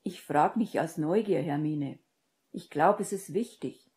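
A woman's voice: sits low, unhurried, a little mellow. A woman reading an audiobook and voicing a serious young man who speaks in a firm, commanding way.

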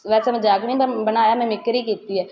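A woman's voice: on the high side, fairly even intonation, lo-fi sound, slight background noise. A woman, hosting a roast video and lecturing vloggers in a scolding way. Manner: scolding, lecturing, rapid-fire. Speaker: roast channel host.

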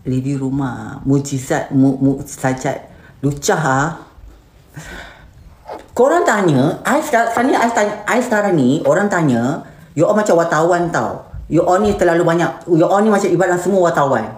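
A woman's voice: lowish voice, animated, normal speed, darkish tone. Blunt Malaysian woman on a live stream. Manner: blunt and heated, mixing in English words. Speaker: influencer hosting a live stream. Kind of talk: live stream chat reading viewer comments. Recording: roomy echoey room.

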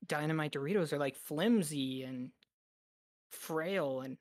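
A woman chatting casually on a podcast, relaxed and hesitant, with many fillers. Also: deep voice, measured pace, no room sound, clean studio sound. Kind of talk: casual chat.

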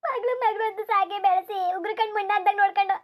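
Cartoon: a woman doing a shrill, fast-talking village mother, bitter and lamenting. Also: fairly even intonation. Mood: bitter grief. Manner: lamenting, scolding, sobbing in bursts. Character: grieving village mother, middle-aged, bitter and wailing. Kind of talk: cartoon dubbing.

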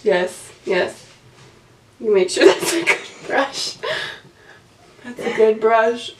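A woman's voice: on the high side, slow pace, distant mic, a little hiss or hum. A young woman giving a playful mock makeup tutorial at home, laughing often. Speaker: friend doing the challenge. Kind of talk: casual vlog chat. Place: small room at home, indoors.

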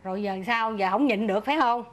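A woman's voice: a little high, fast talker, crowd noise, natural voice. An actress playing a middle-aged village neighbor with a Southern Vietnamese accent, motherly and lecturing. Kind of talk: rural comedy film acting.

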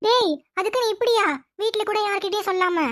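A woman voicing a fussy, scolding mother in a cartoon, loud with exclamations. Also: extremely high pitch, fairly quick, voice pushed up.

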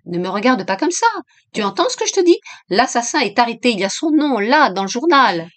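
A woman reading aloud voices an anxious young society woman who pleads in a high, urgent voice. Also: sing-song, fairly quick. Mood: frantic. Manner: high-pitched, pleading, rising to near-shouts.

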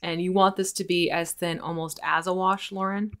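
A woman's voice: on the low side, level tone, normal speed, fairly bright tone, smooth. A woman teaching mini painting on a live stream, explaining each step in a chatty way while she works. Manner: explains steps while working, chatty and laughing.

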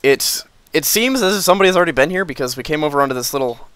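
A man's voice: on the high side, animated, very fast, a bit bright, smooth, dry recording. A young man talks through his game with many ums and restarts, a hesitant and rambling host. The sound is dry and close, with no room around it. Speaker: gaming video host. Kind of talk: casual Minecraft commentary.

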